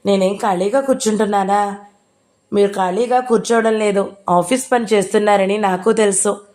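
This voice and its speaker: A woman's voice: mid-range voice, steady tone, normal speed, darkish tone. A woman narrating an audio novel, reading the dialogue in her own plain storytelling voice.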